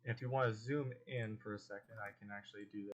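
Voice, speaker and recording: A man narrating as game master in a casual, halting way with many fillers. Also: fairly low pitch, fairly even intonation.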